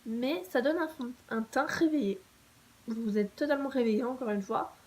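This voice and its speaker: Young woman, beauty vlogger, casual review to camera, enthusiastic, chatty, fairly high voice. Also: normal speed, a little mellow, poor audio. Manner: chatty, enthusiastic, frequent fillers and restarts.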